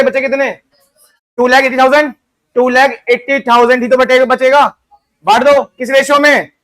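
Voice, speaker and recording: A young man teaches an accounting class in a voice pitched very high for a man. He keeps questioning his students and answering them himself, mixing English accounting terms and figures into his speech. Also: a bit bright. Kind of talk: classroom lesson.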